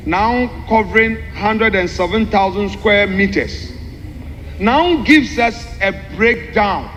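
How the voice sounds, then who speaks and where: Male parliamentarian, very high bright voice, emphatic and deliberate formal address, echoing hall. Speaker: member of parliament. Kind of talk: formal parliamentary speech, explaining a document point by point. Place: large parliamentary chamber. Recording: echoey hall with long reverb, background noise.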